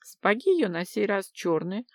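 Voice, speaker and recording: A woman's voice: mid-range voice, sing-song, normal speed, no echo, clean studio sound. A woman reading a first-person audiobook in a wry, ironic manner. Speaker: audiobook narrator.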